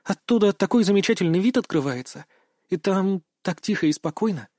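A man's voice: high-pitched, lively intonation, brisk, darkish tone, no room sound, clean studio sound. Man voicing a curt, guarded young woman. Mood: reminiscing. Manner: terse, reluctant replies.

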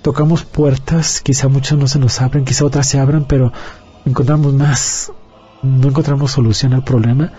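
Husky dark-voiced man testifying. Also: mid-range voice, level tone, normal speed. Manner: earnest, confiding storyteller. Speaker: interview guest. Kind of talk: emotional personal testimony. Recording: dull lo-fi audio, faint music.

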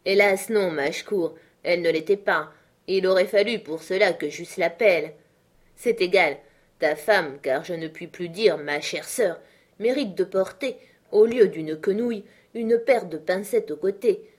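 A woman's voice: fairly low pitch, a little slow. A woman reader voicing a carefree, swaggering young man who answers his sister with mock politeness. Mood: mock-polite, airy. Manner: airy, mock-polite, sing-song.

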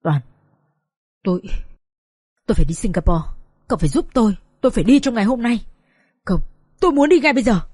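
A woman's voice: medium pitch, expressive, normal speed, long pauses, a little mellow, no echo, clean studio sound, close to an everyday voice. A woman reading as a panicked old grandfather. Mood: desperate. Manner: urgent, stammering under panic. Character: frightened old grandfather, anxious and pleading.

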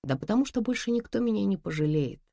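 A woman's voice: mid-range voice, expressive, quick pace, creaky, warm tone, no echo, clean studio sound, pitched above the performer's own voice. A woman reading the part of a tired middle-aged woman with a wry, weary way of talking, in an audiobook. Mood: bitter. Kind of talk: audiobook dialogue.

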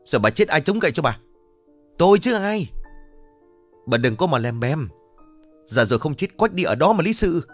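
A man's voice: fairly high pitch, big pitch swings, moderate pace, long pauses, soft background music, pitched above the performer's own voice. A man voicing a brutal, hot-tempered grown son who roars at his old mother. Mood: raging. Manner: roaring, scolding.

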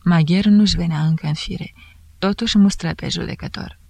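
Woman audiobook narrator, gravelly texture, dry close mic. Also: fairly low pitch, a little mellow, no echo. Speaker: audiobook reader. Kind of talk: scripted narration.

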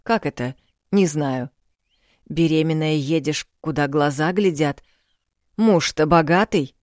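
A woman reader voicing an elderly village landlady, blunt and earthy, scolding loudly in folksy speech. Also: low-pitched, a little slow, no echo, studio quality. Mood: fussing.

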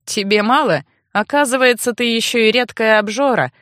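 A haughty young nobleman, curt and sneering, speaks from a lowered register, as a woman reads him in an audiobook. The voice stays fairly high for a man and sounds close and dry, with no room around it. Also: moderate pace, fairly bright tone, dry recording, close to an everyday voice. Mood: scornful. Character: stern young nobleman, cold and mocking. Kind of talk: audiobook character voice.

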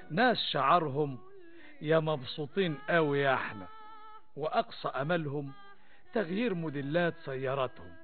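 An actor playing a wry, playful storyteller in the Arabic café manner, with an Egyptian accent, theatrically addressing listeners in rhymed colloquial prose. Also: male voice, a little high. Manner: theatrical, addresses listeners, poses and answers questions. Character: wry, playful male storyteller mocking high society. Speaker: narrator. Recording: thin phone-like old radio sound, music behind.

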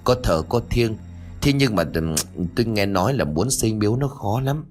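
Cautious elderly father in a storybook, read by a man: hesitant, low, respectful. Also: expressive, moderate pace, faint music behind, close to an everyday voice. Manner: hesitant, sighing.

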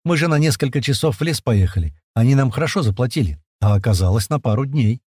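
A grumbling man vents, fed up and sarcastic, as a narrator reads him. His voice moves lively up and down, close and dry. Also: mid-range voice, fast, husky, no room sound. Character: irritated man griping about clients.

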